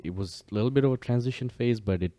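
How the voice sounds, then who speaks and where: A man's voice: mid-range voice, fast talker, no echo. A man from Kenya, a DJ and producer, chatting casually and easygoingly as a podcast guest. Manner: relaxed, easygoing, many fillers.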